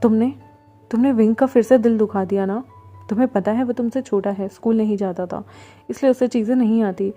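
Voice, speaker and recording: A caring older brother, voiced by a woman storyteller, speaking kindly and soothingly, firm when he scolds. The voice is very mellow and dark, with faint music behind it. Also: mid-range voice, fairly quick, close to an everyday voice. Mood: gentle.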